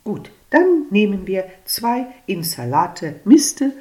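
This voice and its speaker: A woman reading aloud and voicing a pedantic young man who corrects his girlfriend in a hushed, patronizing tone. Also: mid-range voice, big pitch swings, takes it slowly.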